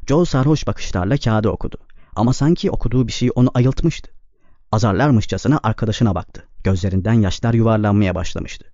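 A man reading a novel aloud as narrator, with a steady, measured delivery, in a slightly dull, dry recording. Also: fairly low pitch, dry recording. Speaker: audiobook narrator. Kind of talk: scripted narration.

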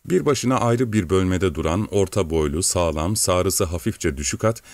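A man with a deep, low voice narrates an audiobook. His reading is steady and measured. The recording is dry and close. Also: dry recording.

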